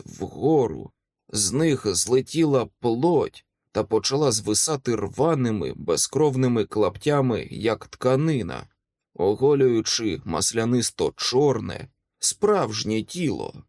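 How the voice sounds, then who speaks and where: A man's voice: mid-range voice, a little mellow, no room sound. Man narrating a tense audiobook, dry. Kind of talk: dramatic first-person audiobook narration.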